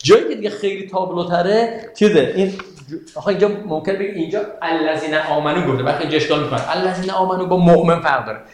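A man with a high voice teaches a class about Quranic verses, stopping often to ask his listeners questions. He recites the Arabic verses slowly. The room is full of echo. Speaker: religious teacher. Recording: very echoey room.

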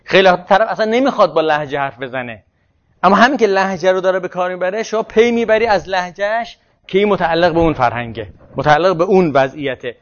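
A man's voice: sits high, lo-fi sound. A man teaching a seminar, explaining ideas and answering students' questions. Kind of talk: seminar lecture.

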